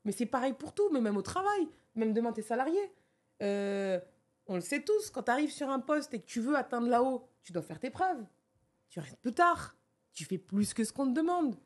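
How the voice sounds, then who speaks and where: A woman in casual conversation, animated and slangy, with many fillers and restarts. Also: fairly high pitch, moderate pace. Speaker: podcast co-host.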